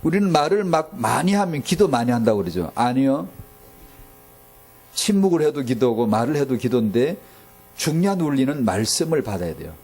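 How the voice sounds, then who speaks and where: A man's voice: medium pitch, very animated, fairly quick. A male pastor preaching with passion, repeating words for emphasis and dropping to a near-murmur at times. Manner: impassioned, repeats words for emphasis, swings from loud to very soft. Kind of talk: sermon.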